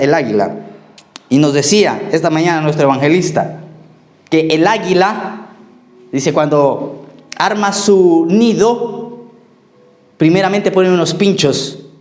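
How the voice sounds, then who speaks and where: A man's voice: a little high, a little mellow. A man preaching a sermon as pastor, telling stories and asking his congregation questions. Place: church. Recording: echoey church hall.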